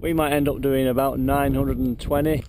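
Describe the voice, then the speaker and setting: A man's voice: mid-range voice, flat delivery, moderate pace. A man on his bike giving a chatty, upbeat running commentary into a handheld camera on open coastal roads. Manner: chatty, upbeat, pointing out places along the way. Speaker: cyclist vlogger. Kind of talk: casual running commentary while riding. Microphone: handheld action camera. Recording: wind noise on an outdoor camera mic.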